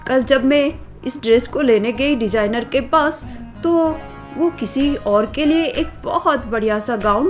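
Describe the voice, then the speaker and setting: A woman's voice: on the high side, lightly acted. A woman playing a spoiled snobbish rich girl. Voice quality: boastful, dismissive, drawn-out complaining. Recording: faint background music.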